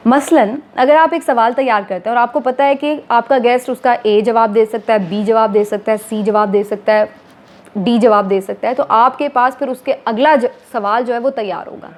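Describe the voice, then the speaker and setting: A woman, a TV anchor calmly explaining to viewers, step by step, how to become a news anchor. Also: a little high. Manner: steady, explanatory, addressing viewers formally. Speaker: TV anchor giving career advice. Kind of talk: instructional talk to camera.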